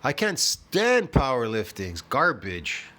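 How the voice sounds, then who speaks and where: A man's voice: mid-range voice, wildly swooping pitch, measured pace, bright, forceful tone. A man in his fifties ranting in a reaction video from home, scornful and profane, constantly tossing in "man" and "bro.". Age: 50s. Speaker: fitness video host.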